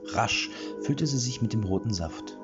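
Animated male fairy-tale narrator. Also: fairly low pitch, unhurried, muffled recording, music in the background. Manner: expressive, dramatic storytelling. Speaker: audiobook narrator.

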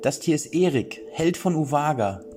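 A man putting on a high formal woman. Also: expressive, normal speed, darkish tone, lightly acted. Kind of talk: audiobook character voice. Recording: clear background music.

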